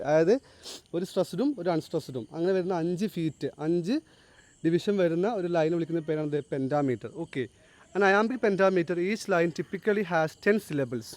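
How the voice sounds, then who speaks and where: A male teacher giving a classroom lecture, explaining step by step, quizzing his students and reading English lines slowly and deliberately. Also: fairly high pitch, a little mellow, no room sound. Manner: explains, then asks the class to answer.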